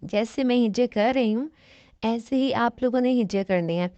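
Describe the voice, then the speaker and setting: A woman with a Pakistani Urdu accent teaching a Quran reading lesson. She explains quickly, then spells out letters slowly and carefully. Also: a little high, mellow, no room sound, highs cut off. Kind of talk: online recitation lesson.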